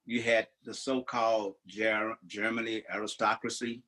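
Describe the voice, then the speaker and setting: On poor audio, an older American podcast co-host tells rambling stories in casual conversation, frequently starting sentences over. His lowish voice is level, bright and forceful at a moderate pace.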